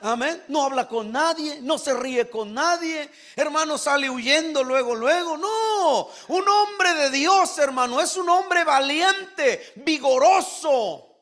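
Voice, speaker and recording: Pastor, male, very high voice, slow deliberate delivery, call-and-response preaching that builds to shouts. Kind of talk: sermon.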